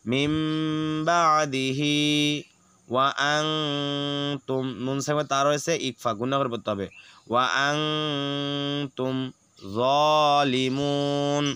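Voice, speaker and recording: A man teaching Quran recitation, explaining rules quickly and then reciting words slowly and drawn out. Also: medium pitch, pushed and bright, clear, resonant tone. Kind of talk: spelling-out recitation lesson.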